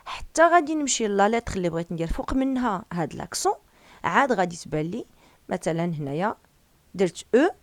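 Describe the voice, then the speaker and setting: A woman with a Moroccan Arabic accent runs a computer lesson. Her pitch rises and falls a lot, and the sound is close and dry with no room echo. She reads each line slowly and carefully, then explains it in quick, easy talk. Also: sing-song. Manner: slow deliberate reading, then quick chatty explaining. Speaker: computer teacher. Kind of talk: screen-share tutorial, reading French lines then explaining.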